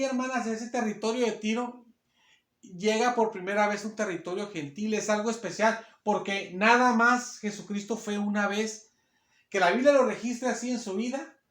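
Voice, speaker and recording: A man's voice: high voice, fairly even intonation, moderate pace, fairly bright tone, echoey room. A man preaching a sermon to a congregation of women, fervent and repetitive, often calling them sisters. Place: church hall.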